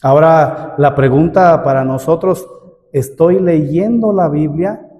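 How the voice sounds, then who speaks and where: A man's voice: on the high side, slow pace, dark tone. A middle-aged man preaching a sermon, calling listeners "brother" and asking many rhetorical questions. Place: church hall. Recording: long hall reverb.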